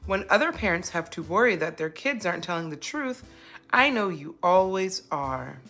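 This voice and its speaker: A woman's voice: fairly low pitch, very animated, moderate pace, a bit bright, soft background music, heavily acted. A woman voicing a loving mother zebra who speaks in a tender, encouraging storybook manner. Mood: reassuring.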